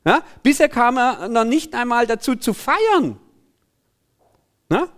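A male preacher giving a chatty, animated sermon. His voice is high and swings widely, and he keeps throwing in 'hey' and asking the crowd questions. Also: takes it slowly. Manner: animated, conversational, frequent 'hey' interjections.

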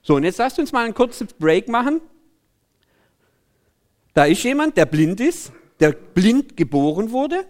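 A male preacher giving a chatty, animated sermon. His voice is high and swings widely, and he keeps throwing in 'hey' and asking the crowd questions. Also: unhurried, long pauses. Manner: animated, conversational, frequent 'hey' interjections.

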